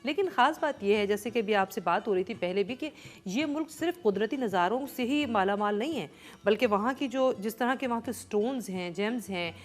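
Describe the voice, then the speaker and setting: A woman hosting a studio talk show, in a chatty, expressive way. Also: fairly high pitch, a little fast. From Pakistan. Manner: chatty and expressive, excited storytelling.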